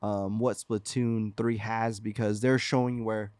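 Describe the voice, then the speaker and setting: A man's voice: on the low side, little pitch movement, measured pace, darkish tone, smooth, no echo. A man co-hosting a casual gaming podcast, talking in a rambling way with many fillers and restarts. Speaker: podcast co-host. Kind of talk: casual chat.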